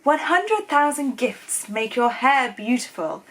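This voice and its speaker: A woman voicing a posh, old-fashioned lady who reads out vintage magazine adverts with a grand, sing-song sales pitch in a posh English accent. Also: sing-song, slow, fairly bright tone, exaggerated voice. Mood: grandly selling.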